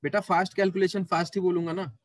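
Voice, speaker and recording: A man's voice: sits high, flat delivery, quick pace, dry recording. A man teaching a live online math class, chatting with students and teasing them as he works sums aloud.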